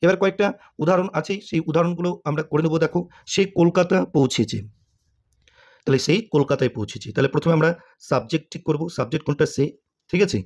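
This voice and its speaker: A man's voice: on the high side, fast talker. A man teaching English grammar to students, asking questions and answering them himself, with frequent "okay?" check-ins.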